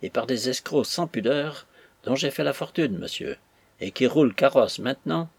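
A man reading aloud as a ruined old merchant, bitter and furious, ranting in a husky, breathy voice. The recording is dry and close, with no room sound around it. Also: medium pitch, animated, normal speed, dry recording. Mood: angry. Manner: ranting, bitter, raising his voice. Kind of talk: audiobook character voice.

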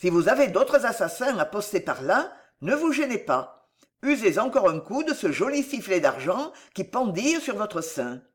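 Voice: medium pitch, normal speed, lightly acted. Reader doing a cool, ironic swordsman. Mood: mocking. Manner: calm, dry and mocking. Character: cool, ironic male swordsman, seasoned fighter. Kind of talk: audiobook character voice.

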